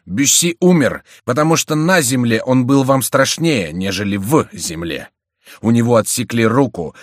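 A man's voice: mid-range voice, dry recording, studio quality, pitched above the performer's own voice, lightly acted. A man voicing a hot-tempered young French nobleman challenging his rivals, fierce and accusing.

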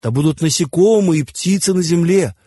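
A man's voice: a little high, brisk, mellow, slightly rough, dry recording, studio quality, voice pushed up. A man voicing a solemn, commanding god. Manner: sonorous, decreeing.

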